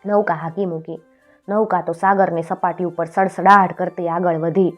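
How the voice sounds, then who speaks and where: A woman narrating a traditional folk tale in a steady storytelling manner, lifting her voice for the characters' speech. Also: lowish voice, normal speed, soft background music. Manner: steady, clear storytelling with lifted voice for quoted speech.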